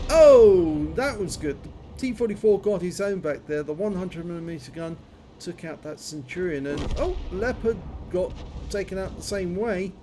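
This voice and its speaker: A man with a high, slightly mellow voice gives running commentary on a video game. His jaw is numb and swollen from a toothache, which slightly impedes his speech. A little hiss or hum sits under the recording.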